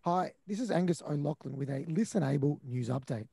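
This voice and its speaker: A male text-to-speech robot voice from a screen reader, reading a news bulletin in even, mechanical computer diction. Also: fairly high pitch, a little fast, vocal fry, breathy edge, no room sound, clean studio sound. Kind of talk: synthetic news bulletin read-out.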